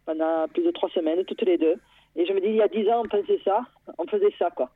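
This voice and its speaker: A woman calling in to a radio show, telling a personal story in a lively way, often restarting her sentences. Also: fairly low pitch, fast, breathy edge, dry recording. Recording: tinny phone line.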